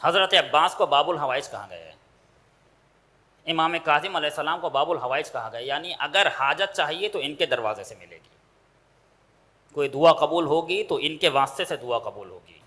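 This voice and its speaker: A middle-aged man with a Pakistani Urdu accent delivering an impassioned Shia sermon, slowing and rising for emphasis as he retells a story. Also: on the high side, expressive, pushed and bright. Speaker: Shia cleric delivering a majlis. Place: large mourning hall.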